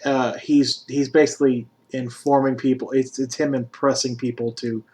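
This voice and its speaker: A man running a tabletop role-playing game as game master, describing scenes in a relaxed way with many fillers. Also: mid-range voice, normal speed, husky.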